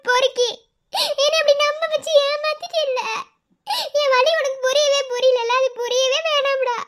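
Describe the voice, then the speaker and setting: Woman doing a super high-pitched cartoon village girl, madurai tamil accent, tearful and pleading. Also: fairly even intonation, moderate pace, a bit bright. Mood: heartbroken. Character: young village woman in love, heartbroken. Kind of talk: cartoon voice acting.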